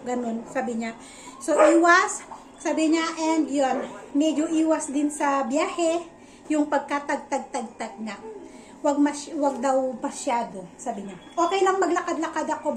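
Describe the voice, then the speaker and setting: Young Filipino woman, high voice, casual chatty vlog delivery, often pausing to find words. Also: slight background noise, low-quality recording. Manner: chatty, searches for words, many fillers. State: slightly out of breath. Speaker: vlogger.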